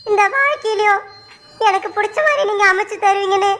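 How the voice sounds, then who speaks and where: Woman voicing a shrill, earnest village daughter. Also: brisk, a bit bright, faint music behind. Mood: pleading. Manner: heartfelt, pleading, long emotional appeals. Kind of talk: cartoon voice acting.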